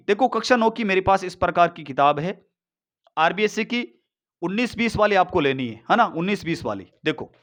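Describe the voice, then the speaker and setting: A man teaching an exam-prep lesson, talking fast and repeating himself, often calling viewers brother. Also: high-pitched, a bit bright. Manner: rapid, repetitive, addresses viewers as brother.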